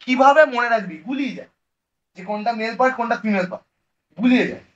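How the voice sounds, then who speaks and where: Speaking quickly in an extremely high voice, a male biology teacher with a Bengali accent runs a casual online class, quizzing students, answering his own questions and slipping in English terms. The audio is dull and lo-fi.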